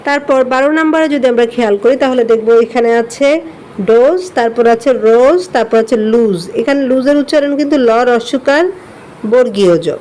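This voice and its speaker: A woman's voice: sits high, a little fast, darkish tone, a little hiss or hum. A woman from Bangladesh teaching an online English class, patiently spelling out words and explaining their pronunciation.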